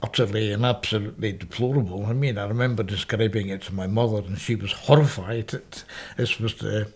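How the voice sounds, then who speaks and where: Recorded indoors in a room of a parish house, this oral history interview features a Scottish man in his seventies, a professor, wryly recalling his school years and frequently fixing his sentences partway through. His voice is on the low side, husky, fairly even, and a little fast.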